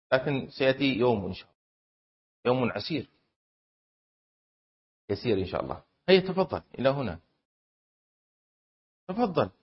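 A man teaching a class on Islamic law, quizzing students and repeating key terms slowly with emphasis. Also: medium pitch, breathy edge. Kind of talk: classroom lesson with student exercise. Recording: dull lo-fi classroom recording.

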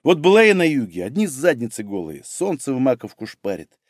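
A man's voice: medium pitch, sing-song, brisk, dry recording, studio quality. A man voicing a brash, bossy woman head doctor. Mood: scolding. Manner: coarse, bossy, barking. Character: loud brash middle-aged female head doctor.

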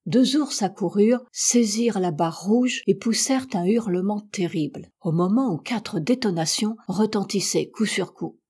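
A woman reading a classic adventure novel aloud in a steady, measured narration. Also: mid-range voice, husky. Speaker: audiobook reader.

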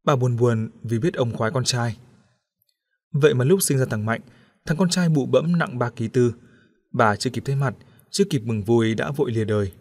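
A male voice reads a story aloud for an audiobook, his delivery steady and even. His pitch sits right in the middle of a typical man's range. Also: normal speed. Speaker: audiobook narrator. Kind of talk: scripted story narration.

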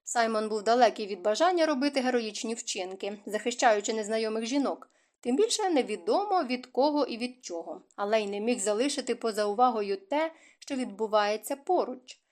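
A woman's voice: fairly high pitch, animated, a little fast, darkish tone. Woman narrating a romance audiobook. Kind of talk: scripted narration of a romance novel.

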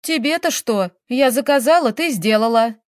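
A headstrong young village girl in love, her voice pitched up and pushed louder as she insists on getting her way, as a woman reads her in a storybook. The sound is dry and close. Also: lively intonation, normal speed, dry recording, natural voice. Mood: insistent. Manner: insistent, pleading.

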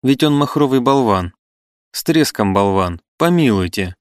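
A man's voice: fairly low pitch, expressive, a little fast, dry recording, clean studio sound, close to an everyday voice. A man reading the part of an irritable older male cynic, mocking and exclamatory.

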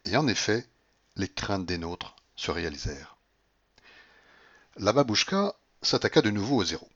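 Lively man reading a classic novel. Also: fairly low pitch, normal speed, husky. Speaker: audiobook narrator. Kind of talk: literary audiobook narration. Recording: muffled lo-fi recording.

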